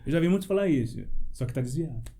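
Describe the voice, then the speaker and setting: A man's voice: a little high, lively intonation, quick pace, mellow, slightly rough. A man, a pastor preaching in a panel debate, emphatic and full of rhetorical questions, breaking into short laughs as he tells a personal testimony. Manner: laughs between phrases.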